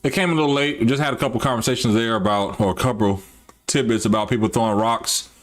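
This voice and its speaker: A man's voice: mid-range voice, fairly even intonation, fast. Rambling man hosting a live stream. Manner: rambling, talks straight to chat with restarts and slang. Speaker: livestream host. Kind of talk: casual live-stream commentary.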